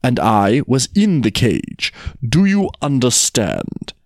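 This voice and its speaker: A man voicing a savage, impatient tiger in a storybook tale, growling out slow, emphatic words. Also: lowish voice, huge pitch swings, vocal fry, darkish tone, no echo, clean studio sound, full character voice. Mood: impatient rage. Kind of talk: storybook character reading.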